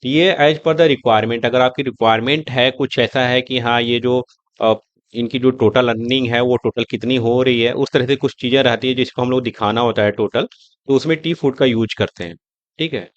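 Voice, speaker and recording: A man walks through a coding lesson, explaining each step in a loose, conversational way while he types. His voice sits at an ordinary middle pitch. The room is dry, and the sound is a little dull, as from a simple home microphone. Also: fairly even intonation, moderate pace, dry recording. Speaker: coding tutor. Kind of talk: screen-recorded coding tutorial.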